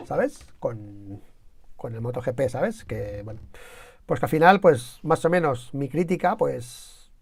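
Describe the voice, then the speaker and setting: A Spaniard talks loosely on his channel's live stream, rambling story to story and full of slang. His voice is gravelly, with some fry at mid pitch, and the sound is dry and close. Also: no room sound. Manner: rambling, slangy, tells anecdotes with quoted shouting. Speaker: YouTube channel co-host. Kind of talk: casual live-stream chat.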